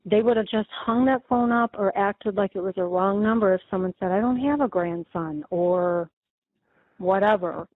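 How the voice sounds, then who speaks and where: A middle-aged woman, a guest, retelling a scam call in a lively way, quoting each exchange and often restarting her sentences. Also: medium pitch, normal speed, dry recording. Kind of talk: conversational storytelling. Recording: tinny phone-like line, dry.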